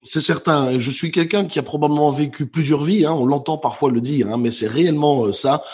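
A man's voice: a little high, fairly quick, slightly rough. A middle-aged man from Belgium, a professional speaker, recounting his career in a podcast interview with frequent hesitations. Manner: animated storyteller with frequent hesitations. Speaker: guest speaker. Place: remote call from home.

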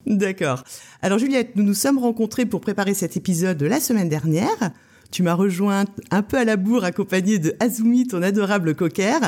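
A podcast host with a medium-pitched, animated, dark-toned voice at normal speed reads a scripted intro, then prompts her guest with friendly questions and brief acknowledgements. She's in a small shop, behind the till.

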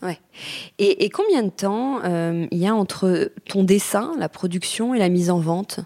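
A woman hosts an interview podcast. She asks brief, friendly questions and keeps the guest going with quick backchannels. Her voice sits at a medium pitch. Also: mellow. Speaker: podcast host.

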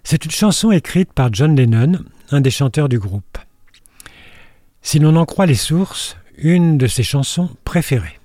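Older male radio film columnist, dark mellow tone, dry close sound, wry scripted delivery. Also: a little high, animated, a little slow, no room sound. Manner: wry, storytelling asides.

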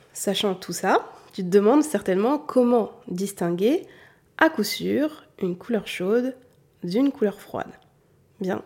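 This color analysis teacher, a woman from southern France, chats informally about colors and addresses the listener head-on. She speaks at a medium pitch, sounding a little mellow and slightly rough.

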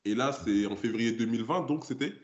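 A man's voice: mid-range voice, fairly quick. Male podcast host in an echoey room. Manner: relaxed, asks follow-up questions. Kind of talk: conversational interviewing. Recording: roomy, dull-sounding recording.

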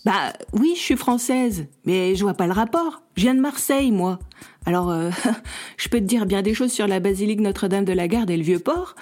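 A woman reads as a young French woman newly settled in Canada, earnest and a little self-mocking about her slips. The tone is mellow and soft-edged, an audiobook-style first-person telling. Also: medium pitch, normal speed, close to an everyday voice.

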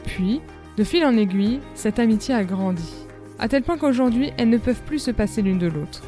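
A woman hosting a podcast, introducing her guest and asking questions with effusive enthusiasm. Her voice sits a little high, with faint music playing underneath. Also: animated, fairly quick, mellow. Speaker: podcast host. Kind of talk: podcast interview and narration.

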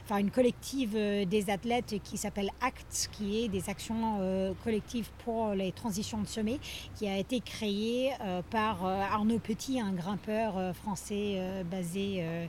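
A woman talks through her plans in a relaxed interview, stopping often to find her words. Her voice sits at an ordinary middle pitch. A faint noise hangs under the recording. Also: a little slow. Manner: hesitant, many fillers. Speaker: guest athlete. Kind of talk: casual interview.

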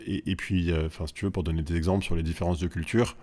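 A man in his twenties, a school founder, speaking as a guest in relaxed interview talk with frequent fillers. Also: low voice. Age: 20s. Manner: fast, measured, many fillers. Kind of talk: casual interview chat.

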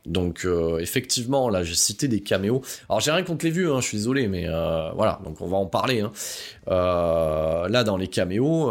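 Low gravelly guy rambling through a movie podcast, lots of ums and restarts, wry asides. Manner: rambling, many hesitations and restarts. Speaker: podcast host. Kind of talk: casual film review podcast.

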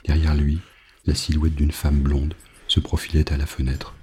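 A man reading an audiobook novel in a grave, measured narration. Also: a bass voice, little pitch movement.

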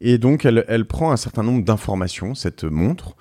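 Man, lowish voice, interview guest, casual explainer, emphatic, repeats himself. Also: expressive, moderate pace, dark tone, no room sound, clean studio sound.

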